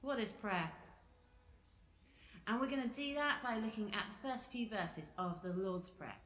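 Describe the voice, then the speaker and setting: A woman's voice: on the high side, lively intonation, moderate pace, a bit bright, roomy sound. A woman preaching in a friendly, conversational way, opening a sermon. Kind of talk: sermon introduction.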